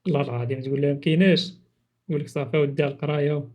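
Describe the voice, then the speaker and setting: A man's voice: fairly high pitch, steady tone, racing, very noisy. A man with a Moroccan accent chatting casually and teasingly as he reacts to clips, with exclamations. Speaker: video creator reacting to funny clips.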